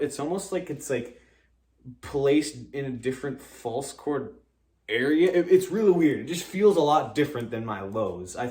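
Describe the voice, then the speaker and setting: A man chatting informally as he explains a vocal technique, halting and modest as he searches for words. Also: mid-range voice, darkish tone, echoey room. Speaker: amateur vocalist and drummer giving a tutorial. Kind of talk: casual explanatory vlog chat.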